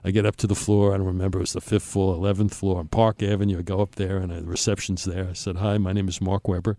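A man's voice: deep voice, little pitch movement, quick pace, warm tone, no echo. An older man with a Brooklyn accent tells a personal story in an emphatic, conversational way, acting out the dialogue. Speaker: storyteller on a talk show.

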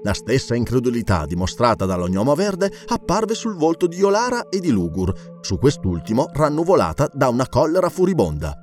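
Expressive male audiobook narrator. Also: mid-range voice, a little fast, hardly any pauses, soft background music. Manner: expressive reading. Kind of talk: scripted narration.

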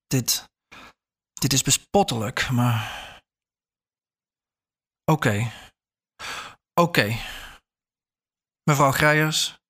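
A man's voice: medium pitch, fairly bright tone, husky, exaggerated voice. A man reading a story aloud and voicing a nervous, stout businessman who stammers and hesitates. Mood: pleading.

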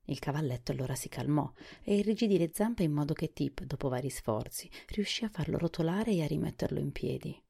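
A woman narrating a children's storybook in a calm, measured reading. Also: sits low, vocal fry, slightly rough.

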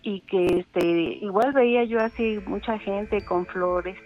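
A middle-aged woman, calling in to tell a ghost story in a halting way with many fillers, over a phone line. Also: mid-range voice, fairly even intonation. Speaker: caller telling a ghost story.

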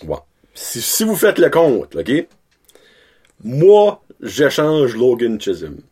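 Animated man talking hockey. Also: mid-range voice, slow, breathy edge. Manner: lively, mixes English words into French. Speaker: podcast co-host. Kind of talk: casual hockey chat.

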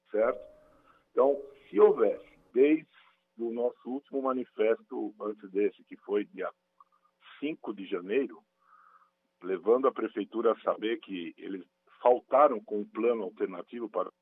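A man calling in to a radio interview as a guest spokesman, on a glitching line that keeps cutting out, explaining at length with many "é" and "né" tags. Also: fairly low pitch. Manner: long explanations full of "é" and "né" tags. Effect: glitching audio, the call keeps cutting out. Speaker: guest spokesman for a carnival bloc collective. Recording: tinny phone line breaking up.

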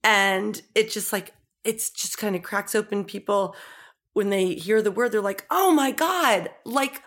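Middle-aged woman, guest in a casual chat, animated storyteller who acts out quotes. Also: medium pitch, unhurried. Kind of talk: casual conversational interview.

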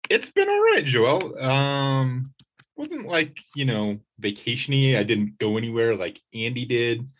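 A man's voice: mid-range voice, very animated, unhurried. A man speaking as a sports beat writer in casual podcast chat, conversational and wry.

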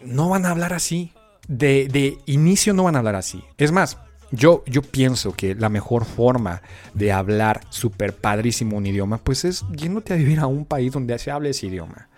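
A man's voice: medium pitch, expressive, darkish tone, soft background music. Chatty Mexican man teaching English. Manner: friendly, chatty, pauses with fillers. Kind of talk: podcast language lesson.

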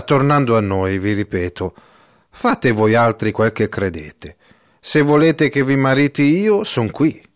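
A man's voice: medium pitch, lightly acted. A man reading the part of a timid, fretful older village priest, talking in fussy, rambling bursts. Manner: fussy, rambling, emphatic exclamations. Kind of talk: audiobook character reading.

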